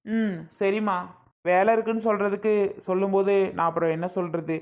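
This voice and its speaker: A woman's voice: medium pitch, fairly even intonation, fairly quick, natural voice. A woman voicing an easygoing young husband in a cartoon, teasing and hospitable. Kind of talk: cartoon voice acting.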